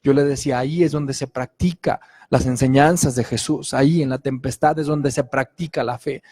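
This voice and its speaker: Husky, dark-voiced male preacher in a hall. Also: mid-range voice, steady tone, normal speed. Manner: earnest storytelling with frequent "¿sí?" check-ins. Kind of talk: sermon.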